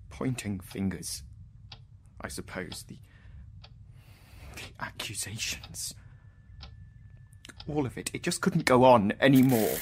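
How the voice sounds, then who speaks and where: In a radio drama, an actor voices a mathematician who is anguished and can't believe what's happening, sounding bitter and agitated as he swings from outbursts to faltering murmurs. His male voice sits fairly low, with a little hiss or hum behind it.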